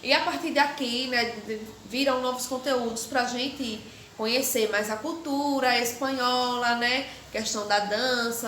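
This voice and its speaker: A middle-aged woman teaching a recorded class, explaining slowly and often checking understanding with a quick question. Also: a little high, a bit bright, echoey room, a little hiss or hum. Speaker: Spanish teacher.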